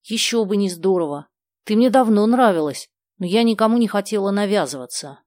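A woman voicing a gentle, earnest schoolgirl. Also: mid-range voice, expressive, a little fast, no room sound, clean studio sound, pitched above the performer's own voice, close to an everyday voice. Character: gentle thoughtful schoolgirl with a gift.

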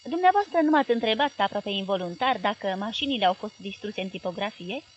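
A woman voicing a lively, clever young male journalist who reports events in a brisk, animated way. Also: mid-range voice, muffled recording, lightly acted.

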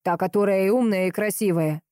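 A woman's voice: mid-range voice, brisk, mellow, no echo, studio quality, lightly acted. Female narrator doing a defensive, snapping man under suspicion. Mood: indignant. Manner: snappish and indignant.

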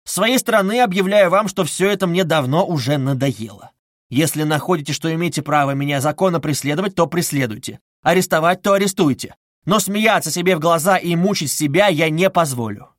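A man voicing a feverish, defiant young male student who speaks loudly in clipped, indignant bursts. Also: on the high side, fairly quick, dry recording, clean studio sound, close to an everyday voice. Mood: cold fury.

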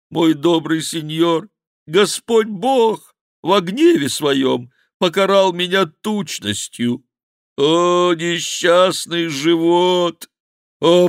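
A man voicing a fat, cowardly male monk who wails and pleads loudly, in a high, drawn-out voice in an audiobook. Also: no echo, studio quality, close to an everyday voice. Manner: wailing, pleading, loud lamenting.

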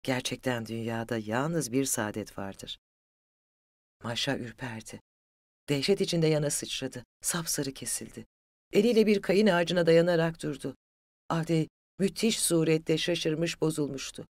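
An audiobook narrator reading a literary story in an even, steady way. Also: mid-range voice, a little slow, dry recording.

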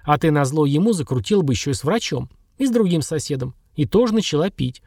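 A man's voice: fairly high pitch, lively intonation, fast talker, darkish tone, no room sound, clean studio sound. A man voicing a young ex-soldier in a wheelchair in an audiobook, bitter and blunt, then sorry. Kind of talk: audiobook dialogue.

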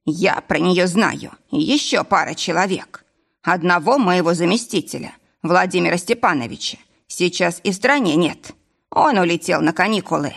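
A woman voicing a weak, breathless older man lying in intensive care, talking slowly between sighs. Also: on the low side, animated, creaky. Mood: pleading. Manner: slow, sighing, breathless delivery.

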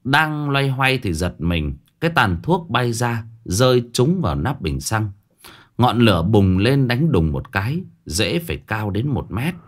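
A man narrating a ghost story in a lively, colloquial way. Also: medium pitch, a little slow.

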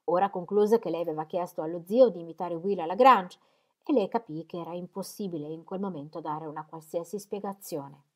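A woman narrating a classic novel as an audiobook, reading in a measured, expressive way. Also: on the low side. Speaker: audiobook reader.

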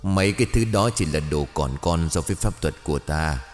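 Brief: man doing a sly sneering ghost, low and slow, in a spoken horror tale. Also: animated, in a large hall, soft background music. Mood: gloating. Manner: sneering, bargaining. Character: sly hungry ghost posing as wealth god, male.

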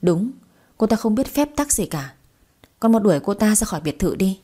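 A woman voices a bossy grandmother who barks orders at her family. The voice is warm and low-key but husky. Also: sing-song, normal speed. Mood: scolding. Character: bossy, scolding older grandmother.

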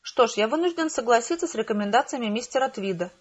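A woman reading an audiobook, voicing a weary, sorrowful male official who talks in a sad, measured way. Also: extremely high pitch, animated, highs cut off. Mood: resigned.

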